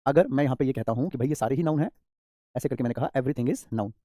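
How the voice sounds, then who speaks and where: A man with an Indian accent teaching English grammar in an online class, calling students "beta" and slowly repeating key terms. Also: mid-range voice, warm tone, no room sound, studio quality.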